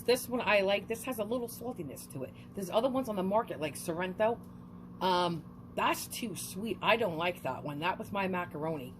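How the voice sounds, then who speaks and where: A woman's voice: mid-range voice, background noise. A woman hosting a casual home cooking video, talking enthusiastically to her viewers and repeating words of praise as she explains each step.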